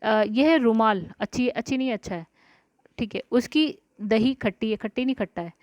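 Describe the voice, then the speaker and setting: A woman's voice: fairly high pitch, moderate pace, a little mellow, no room sound. A woman teaching an exam-prep grammar lesson, talking through each answer aloud with frequent check-in words. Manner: talks through answers aloud, often saying "ठीक है" and "guys". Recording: dry, dull lo-fi recording.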